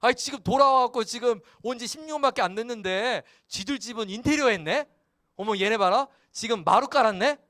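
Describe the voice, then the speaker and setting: A man's voice: very high-pitched, brisk, a bit bright, voice pushed up. A man voicing God as a sulking, sarcastic figure who scolds in a mocking, exaggerated way. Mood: huffy sarcasm.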